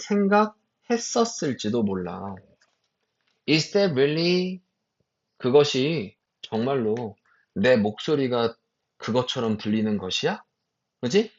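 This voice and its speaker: A lively male teacher gives an exam-prep lecture, his voice rising and falling a lot as he pushes questions at students. He drags out the English phrases slowly and firmly, then rushes through the explanations. The recording sounds dull and muffled. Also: medium pitch. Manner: animated, rhetorical questions to students; reads English slowly and stressed, Korean quickly.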